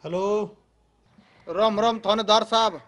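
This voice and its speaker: A man's voice: high-pitched, fairly even intonation, takes it slowly, fairly bright tone, slight background noise. A man playing a doubting village father with a blunt, rustic way of talking in a comedy skit. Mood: complaining.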